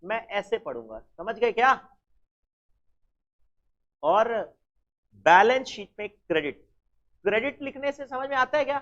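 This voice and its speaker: A man's voice: sits high, big pitch swings, unhurried, long pauses, a bit bright. A man teaching an accounting class, who keeps prodding his students with the same questions over and over. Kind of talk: classroom lecture. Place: coaching classroom. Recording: dull lo-fi classroom recording.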